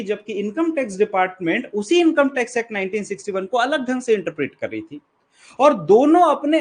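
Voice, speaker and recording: A young Indian man giving a law lecture in Hindi mixed with English terms. He asks questions and answers them himself, and he slows down to read definitions aloud. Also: high voice. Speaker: law teacher. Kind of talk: classroom lecture.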